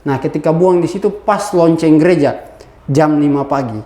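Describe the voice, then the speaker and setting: A man's voice: a little high, moderate pace. A young man, telling his life story as an interview guest and acting out the voices of the people in it. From Ambon. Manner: animated, acts out quoted voices. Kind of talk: personal testimony storytelling. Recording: echoey room.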